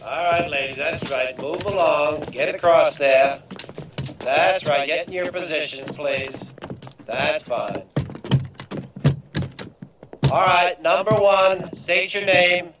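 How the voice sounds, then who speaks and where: A man playing a brisk police officer, barking orders like an old-time beat cop. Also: on the high side, far from the mic, background noise. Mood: brisk, commanding. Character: brisk male cop herding a police lineup. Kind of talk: film acting. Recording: echoey room from off mic, music behind.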